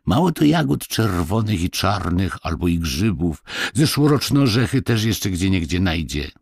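Cheerful young peasant brothers chatter in a rustic, boyish way, as a man reads them in a storybook. The voices bounce up and down, with a husky edge. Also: low-pitched, very animated, measured pace, no room sound, studio quality, voice pushed up, full character voice. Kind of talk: audiobook fairy-tale reading.

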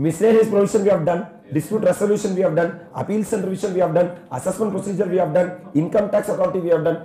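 A man's voice: high voice, fairly even intonation, rapid-fire, warm tone. A man in his thirties with a South Indian Tamil accent, teaching like an exam coach in an exhortatory way, often addressing his students directly. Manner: exhortatory, with repeated "sir" and stock addresses to students. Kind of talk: animated classroom lecture, switching between languages. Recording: roomy classroom echo.

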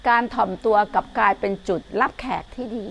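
Soft-spoken older woman on a garden walk. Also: fairly high pitch, fairly even intonation, fairly quick, creaky, muffled recording. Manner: soft, motherly, calls listeners "child". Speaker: Buddhist teacher giving a garden tour. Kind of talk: gentle dharma talk while walking. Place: outdoor garden.

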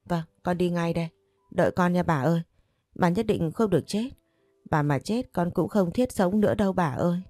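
A woman's voice: lowish voice, normal speed, darkish tone, no echo, soft background music, natural voice. A woman voicing a young maid who pleads tearfully and speaks in a rush. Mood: pleading. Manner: pleading, sobbing.

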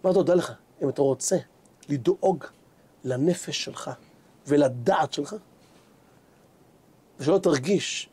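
A man's voice: a little high, breathy edge. A man, a rabbi, giving a sermon and telling a story, acting out both sides of a conversation. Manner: animated storyteller acting out dialogue. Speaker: rabbi giving a Torah lesson. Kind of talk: Hebrew sermon with stories.

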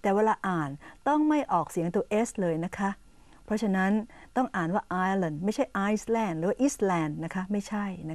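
A woman hosting an educational program, patiently explaining English words to Thai viewers and repeating them slowly and clearly. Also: mid-range voice, darkish tone, no room sound. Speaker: English teacher and host.

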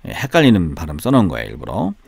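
A man who speaks Korean as his first language, teaching English pronunciation by repeating each word slowly and drilling it aloud. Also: low voice, wildly swooping pitch, vocal fry, darkish tone, breathy edge, dry recording, studio quality.

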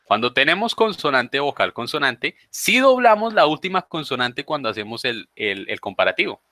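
A man teaches an online class, patiently breaking grammar rules into small steps. His voice is bright and sharp, and the sound is dry and close with no room around it. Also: medium pitch, sing-song, normal speed, no echo. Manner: patient, explains step by step.

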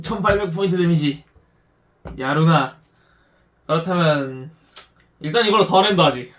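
A man's voice: on the high side, normal speed, fairly bright tone, recorded from a distance. A man hosting and playing a card duel, calling out his moves with the theatrical declarations of a duel hero. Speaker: card game channel host and player. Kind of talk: live card duel play with commentary.

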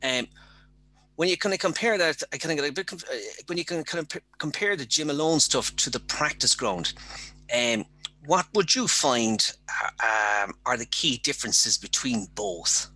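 A middle-aged host asks his guest a long question, stopping and restarting as he goes. His voice is very bright and sharp. He is heard through a headset on a video call from an office. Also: medium pitch, expressive, moderate pace. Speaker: golf coach host.

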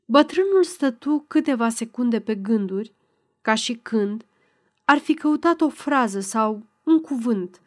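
Woman narrating an audiobook, somewhat high voice. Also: expressive. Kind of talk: scripted narration.

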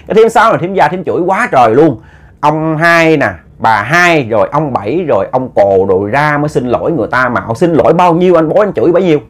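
A man telling a ghost story casually, animated and often stammering through repeated words as he acts out quoted scolding. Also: on the high side.

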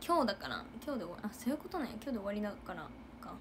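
A young woman chatting casually on a livestream, giggling and acting out loud quotes. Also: medium pitch, sing-song, racing, slight background noise. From Japan. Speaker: idol livestreamer. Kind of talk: casual livestream chat with viewers.

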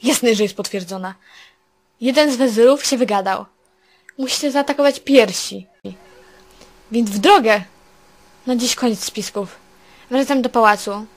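Proud scheming sultana, firm and commanding, read by a woman in a fairly high voice. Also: measured pace, long pauses.

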